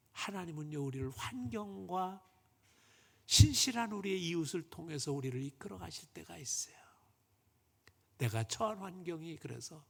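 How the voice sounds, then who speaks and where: A male pastor giving a Sunday sermon in a church sanctuary, swinging from loud emphasis down to whispers. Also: a little high, gravelly, husky. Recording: long church hall reverb.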